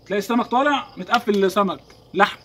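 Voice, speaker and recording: Egyptian male angler, animated tutorial delivery, fast, slightly high, outdoor ambience. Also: slight background noise. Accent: Egyptian Arabic. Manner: animated, instructive, talks to the viewer. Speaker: fishing vlogger. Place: outdoors by the water.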